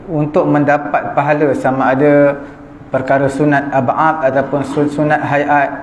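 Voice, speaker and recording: Malaysian ustaz lecturing in an echoey hall. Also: male voice, fairly high pitch, a little mellow, lo-fi sound, slight background noise. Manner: measured teaching with frequent fillers and check-ins. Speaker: religious teacher. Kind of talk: evening mosque lecture. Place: prayer hall of a small mosque.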